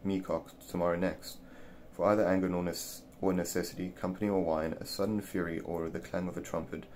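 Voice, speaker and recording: A man's voice: low voice, level tone, a little fast, darkish tone, slight background noise. A man reading an old essay aloud, often stumbling and repeating words as he goes. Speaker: reader of a classic essay.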